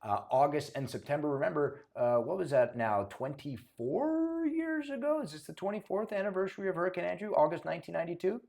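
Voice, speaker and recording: A man's voice: fairly high pitch, fast talker, gravelly, hardly any pauses, darkish tone. A man hosting a real estate talk show, chatty and joking, often stumbling over his words. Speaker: talk show host, realtor. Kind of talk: casual talk show chat.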